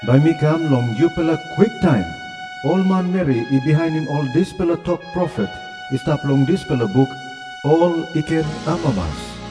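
A man plays a solemn, authoritative divine lord with a Papua New Guinean accent in a scripture audio drama. His voice is on the higher side for a man as he makes declarations. Music is clearly heard beneath him. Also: expressive, moderate pace, lightly acted. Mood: solemn proclamation. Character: Jesus, authoritative male divine lord making solemn promises.

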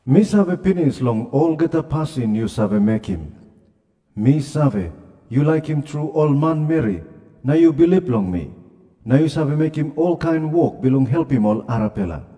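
A man's voice: on the high side, expressive, normal speed, mellow, in a large hall. A man with a Papua New Guinean accent giving a solemn, scripted reading of scripture. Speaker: scripture reader. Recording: music behind the voice. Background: music.

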